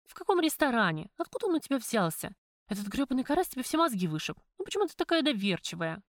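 A woman's voice: big pitch swings, fast talker, no echo, studio quality. A woman doing a brash foul-mouthed girlfriend. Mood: scornful. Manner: blunt, mocking, raised pitch.

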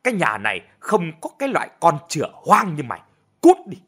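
A man voicing a furious, harsh old father throwing his daughter out, shouting in a storybook reading. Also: a little high, huge pitch swings, fast, slightly rough, voice pushed up, exaggerated voice. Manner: shouting, raging.

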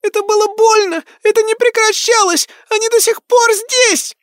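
A man's voice: very high voice, fairly even intonation, moderate pace, fairly bright tone, no room sound, clean studio sound, pitched above the performer's own voice. A man voicing the cruel, vengeful ghost of a young girl who shrieks and taunts. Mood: shrieking.

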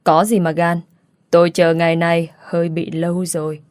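Woman reading a bitter young woman in a storybook: sneering, low-pitched, dry close sound. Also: little pitch movement, normal speed, darkish tone, no echo, close to an everyday voice. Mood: taunting. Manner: sneering, taunting. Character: bitter vengeful young woman, mocking and unhinged.

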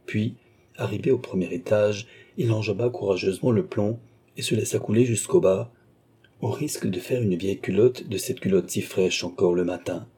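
A man narrating a classic novel as an audiobook in a measured, even storytelling manner. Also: fairly low pitch, breathy edge.

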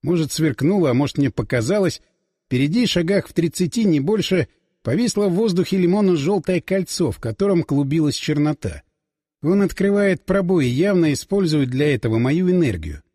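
A man narrating a first-person audiobook in a dramatic, expressive reading. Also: a little high, brisk. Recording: dry close voice with long reverb.

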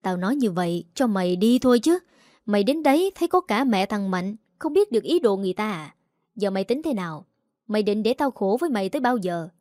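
A woman's voice: medium pitch, lively intonation, fast, warm tone, dry recording, studio quality, close to an everyday voice. A woman voicing a harsh middle-aged aunt who scolds coarsely and shrilly. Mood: furious scolding.

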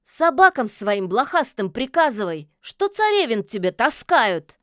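Woman as a defiant snappy witch, high voice, lively and bouncy, dry close sound. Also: a little slow, dry recording. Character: sharp-tongued stubborn fairy-tale witch, feisty. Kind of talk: audiobook character voice.

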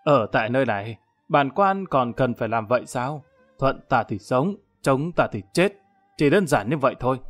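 A man's voice: medium pitch, lively intonation, normal speed, lightly acted. Guy doing a sneering corrupt official for an audiobook, theatrical villain menace, bit of music under it. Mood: haughty. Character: arrogant, sneering corrupt male magistrate villain. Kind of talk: audiobook character acting.

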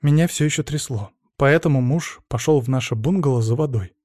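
A man reading a suspense novel aloud in a slow, tense way. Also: mid-range voice, a little mellow, no room sound, clean studio sound. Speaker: audiobook reader. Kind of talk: scripted narration.

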